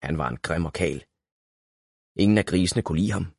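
A man reading a children's story aloud, animated and playful. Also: deep voice, vocal fry, no room sound, clean studio sound.

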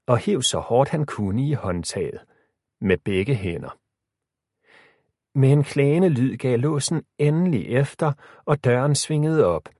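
A male audiobook narrator with a middle pitch and a lively, animated delivery. His storytelling is expressive, recorded dry and close. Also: no echo.

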